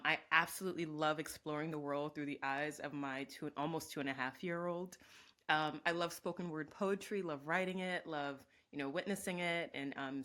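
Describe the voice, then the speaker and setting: A woman in her thirties, from Jamaica, answering interview questions reflectively with many pauses. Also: sits low, sharp tone. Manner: reflective, speaks in lists with many ums. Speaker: guest, professor and organizer. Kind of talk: conversational interview.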